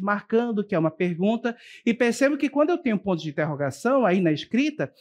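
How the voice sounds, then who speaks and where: A teacher giving a televised school lesson, explaining step by step and often checking in with the class. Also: medium pitch. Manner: addresses students directly and warmly as a group. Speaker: Portuguese teacher.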